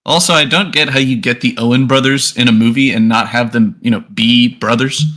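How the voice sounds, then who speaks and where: A man's voice: mid-range voice, fairly even intonation, brisk, a bit bright. A man co-hosting a podcast in casual chat, joking, swearing and laughing often. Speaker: podcast co-host.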